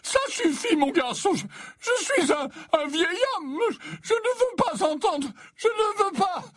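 A man's voice: very high voice, huge pitch swings, takes it slowly, darkish tone, dry recording, studio quality, pitched above the performer's own voice, full character voice. A man voicing a fussy, emotional old male wizard teacher, stammering and full of exclamations in an audiobook. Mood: distraught. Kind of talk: audiobook character voice.

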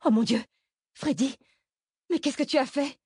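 A woman reading an audiobook voices an anxious, tearful mother who dodges questions, her voice pitched up and pleading. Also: lively intonation, moderate pace, darkish tone, slightly rough, no echo, clean studio sound. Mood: shocked.

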